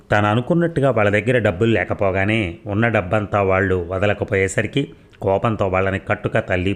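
A man's voice: lowish voice, close to an everyday voice. A man voicing a confident defense lawyer in a courtroom story, arguing emphatically.

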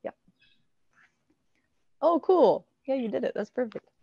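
A woman in her thirties, a marine researcher, answering questions on a video call, lively and full of fillers and laughs. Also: high voice, a little slow, creaky, a little hiss or hum. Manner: animated, laughs often, many fillers. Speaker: marine researcher guest speaker. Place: small indoor lab room. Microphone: wired earbuds on a video call. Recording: dull, dry video call audio.

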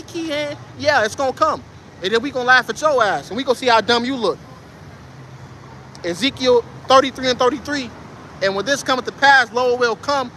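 A man street preaching outdoors in a very high, piercing, tense voice, blunt and profane, tagging his lines with "man" and "bro." He slows right down when he reads scripture. Faint traffic hums behind him. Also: pushed and bright. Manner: confrontational, profane, emphatic; reads scripture aloud slowly.

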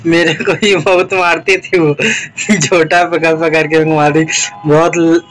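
A man's voice: a little high, level tone, takes it slowly, fairly bright tone, low-quality recording. A young man chatting casually to his vlog camera in a wistful, reflective way. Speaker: vlogger.

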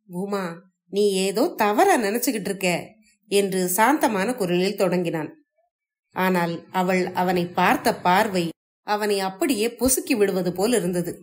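A woman narrates a family short story for an audiobook in a steady, measured telling. Her voice sits at an ordinary middle pitch.

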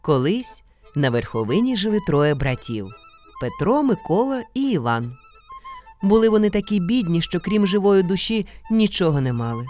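A woman storyteller giving a theatrical, expressive scripted reading of a folk tale. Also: lowish voice, normal speed, soft background music.

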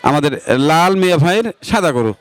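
A man's voice: high voice, expressive, quick pace, clear, resonant tone. A Bangladeshi man working as a field reporter in an outdoor market, questioning sellers and repeating their answers back for viewers. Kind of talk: on-location market interview for viewers. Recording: busy outdoor market crowd noise.

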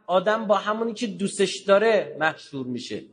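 High-voiced man giving a religious lecture. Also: lively intonation, a little hiss or hum. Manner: colloquial, acts out dialogue in quotes; sudden drops to low, quiet asides.

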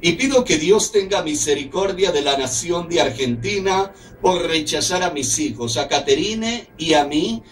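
An earnest, indignant middle-aged Colombian man hosts a radio talk show, reading a letter aloud and speaking as a compatriot. His voice is a little high and expressive, at a moderate pace with few pauses, recorded off-mic from a distance in a small office studio with a desk.

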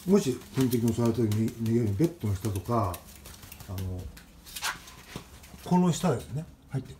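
A man talking casually to the camera about his pet pigeon, switching to rough, coaxing talk when he speaks to the bird. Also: mid-range voice, expressive, normal speed, mellow, slight background noise. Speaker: pigeon keeper.

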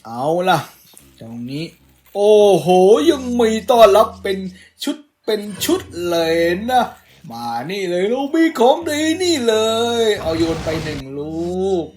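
A man's voice: high voice, sing-song, unhurried, a little mellow, slight background noise. A young man casually commentating a game he is playing, teasing the enemies in a playful way. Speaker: gaming YouTuber. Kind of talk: casual let's-play commentary.

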